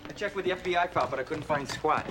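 An actor playing a wisecracking, impatient city detective who talks sarcastically and bluntly. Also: male voice, a little high, racing, lightly acted. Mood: wry. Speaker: detective partner. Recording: TV drama audio with background noise.

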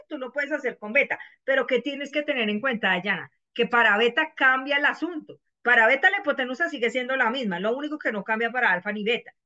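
Bright-voiced woman teaching math. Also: a little high, highs cut off. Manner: patient, repeats questions to students. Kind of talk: online class explanation.

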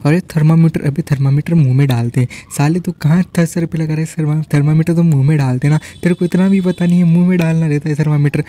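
A man's voice: fairly high pitch, fairly even intonation, fast, hardly any pauses, dark tone. A young man giving casual, joking commentary while he plays a doctor game, teasing the characters in slangy banter. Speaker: gameplay commentator.

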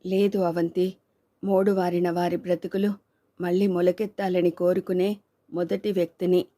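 A devoted, idealistic husband and writer in a storybook reading, tender and earnest, as a woman reader puts him on. His lines sit in a mellow, flat register with little rise or fall. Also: fairly low pitch, moderate pace, close to an everyday voice.

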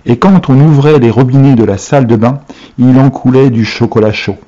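A man reading a children's novel aloud to a class in an expressive storytelling manner. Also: medium pitch, fairly quick. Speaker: reader for a class. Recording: dull muffled recording.

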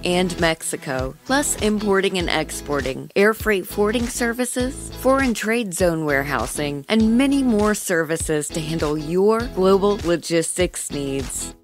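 A woman reads a sponsor advertisement in a smooth, even delivery. Her voice sits a little low, and clear music plays behind her. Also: a little slow, hardly any pauses. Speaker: sponsor announcer. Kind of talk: read sponsor ad. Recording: ad read over music.

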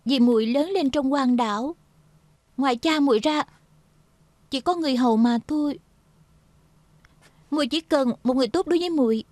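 A woman voicing a high, playful young heroine. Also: moderate pace, long pauses, darkish tone, no echo, natural voice. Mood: tender. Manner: teasing, pleading. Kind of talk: dubbed TV drama.

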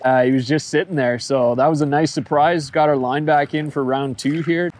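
A man, chatting excitedly to viewers while fishing on a riverbank, recorded on a head-mounted action camera. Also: a little high, normal speed. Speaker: fishing vlogger. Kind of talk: casual fishing vlog commentary. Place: outdoors on a riverbank and lakeshore.

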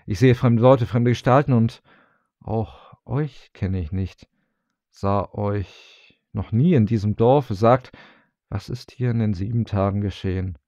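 A man's voice: fairly low pitch, normal speed, vocal fry, warm tone, dry recording, lo-fi sound. A man reading a storybook, voicing a grief-stricken, bewildered young fisherman with pleading, anguished outcries.

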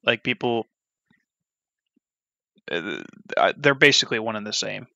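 Man, gaming commentary, rambling, blunt, frequent ums, crisp tone, dry, slightly muffled recording. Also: lowish voice, animated, unhurried, pushed and bright, no room sound. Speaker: gaming YouTuber. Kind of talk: casual gameplay commentary.

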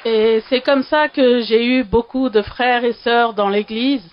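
A woman's voice: fairly high pitch, steady tone, a little slow, dull audio, slight background noise. A woman from Sri Lanka giving a heartfelt testimony in a church hall, faltering a little at emotional moments.

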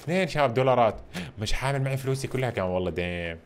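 An excitable man chatters through a video game, keeping up a running stream of remarks to his viewers. He talks at a racing pace in a voice of middling pitch. A faint background noise sits under the recording. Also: rapid-fire. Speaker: gamer playing a video game. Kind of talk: casual gameplay commentary.

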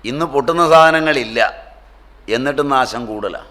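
A man giving a spiritual discourse, telling homely stories in a folksy way and drawing out scripture terms slowly in a chant-like tone. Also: medium pitch, sharp tone. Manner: folksy storytelling with dropped-voice asides. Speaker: swami teaching a scripture class.

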